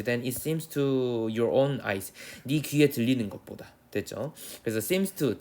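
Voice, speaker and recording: A young male English teacher with a Korean accent, giving an exam prep lecture, reading the English lines slowly and then explaining them in quick, casual talk. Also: mid-range voice, darkish tone.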